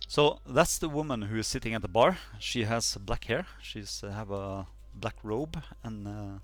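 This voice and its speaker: A man narrating a tabletop game as game master, halting with many fillers. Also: lowish voice, lively intonation. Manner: hesitant, many fillers, laughs often.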